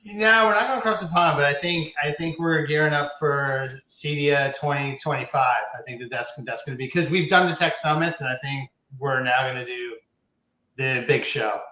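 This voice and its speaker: A man in his fifties giving plain, measured updates as a guest on a livestream. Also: on the high side, pushed and bright, echoey room, rough recording. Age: 50s.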